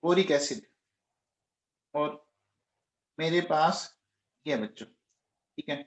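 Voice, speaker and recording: Teaching a live online chemistry class, a man with a slightly high voice speaks slowly in an echoey room. He keeps coaxing and quizzing his students, raising his voice to get answers, and says he is shouting nonstop.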